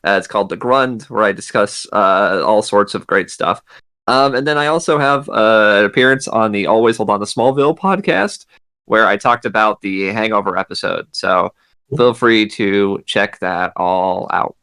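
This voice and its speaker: A man's voice: lowish voice, normal speed, sharp tone, smooth. A man guesting on a podcast in casual chat, laid-back with fillers as he runs through where to find him. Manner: laid-back plugging of his channels, fillers.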